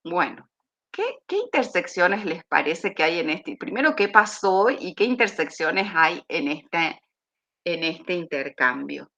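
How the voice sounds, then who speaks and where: A woman with an Argentine accent, a university lecturer leading an online seminar, explaining steadily with thinking pauses. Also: lowish voice, sing-song, bright, forceful tone. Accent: Argentine Spanish. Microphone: video call. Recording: dull lo-fi video call audio.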